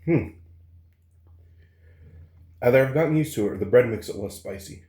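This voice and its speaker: A man's voice: medium pitch, lively intonation, normal speed, dark tone. A man talking casually to viewers in an eating challenge vlog. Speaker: food challenge vlogger. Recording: roomy, echoing indoor sound.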